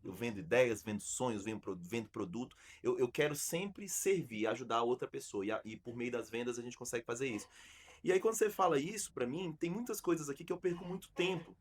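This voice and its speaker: Animated Brazilian man hosting a podcast. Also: mid-range voice, fast talker, breathy edge. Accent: Brazilian Portuguese. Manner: animated, emphatic storyteller with frequent restarts. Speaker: podcast host and arts school founder. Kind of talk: casual podcast chat.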